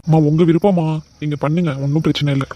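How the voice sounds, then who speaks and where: A man plays a heartbroken young cartoon son, sulky and mournful about a lost love. The voice is dark and mellow, and the lines come out very fast. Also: on the high side, fairly even intonation, natural voice. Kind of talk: cartoon voice acting.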